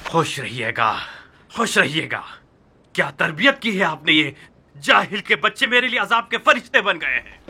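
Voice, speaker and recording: A man's voice: sits high, animated, moderate pace, bright, forceful tone, slight background noise, full character voice. An actor dubbing an irritable nobleman husband in a historical drama, speaking sarcastically and scolding. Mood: bitter.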